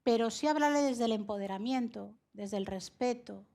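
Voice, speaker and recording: A woman psychologist answering interview questions in a measured, explanatory way, often laughing, from Spain. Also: fairly high pitch, gravelly, mellow. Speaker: psychologist guest.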